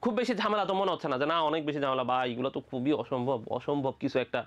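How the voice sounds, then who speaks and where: A Bangladeshi teacher delivers a lively biology lecture for medical admission, repeating each question, answering it, and checking in with students over and over. His medium-pitched voice moves very fast, colloquial and sprinkled with playful asides, though the audio sounds dull.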